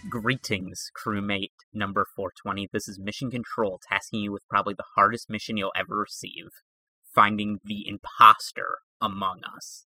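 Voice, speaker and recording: Comic promo read: a man as a sci-fi mission control officer briefing a crewmate, deadpan and official, bright forceful voice, dry close sound. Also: on the low side, normal speed, no echo, soft background music, full character voice, rough recording. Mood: mock-official. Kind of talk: scripted comic announcement.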